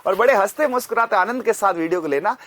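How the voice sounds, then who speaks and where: Upbeat high-voiced man teaching chemistry. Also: animated, a bit bright. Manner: motivational, repeats phrases, slows to drill mnemonics. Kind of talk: energetic classroom lesson with mnemonic story.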